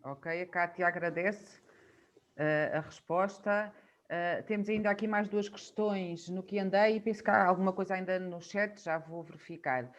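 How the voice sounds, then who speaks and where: A woman's voice: lowish voice, fairly even intonation, normal speed, muffled recording. A woman with a European Portuguese accent moderating a webinar, reading out audience questions with hesitant "eh" fillers. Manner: hesitant, fills with "eh". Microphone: video call.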